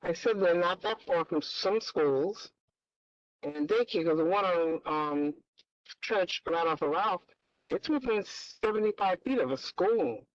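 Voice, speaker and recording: A woman community member asking persistent questions at a public meeting, her voice coming through muffled with only the bass left. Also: animated, unhurried, no echo. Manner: persistent, presses for specifics. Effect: muffled remote audio with the bass only. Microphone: remote call-in line. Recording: muffled dull remote line.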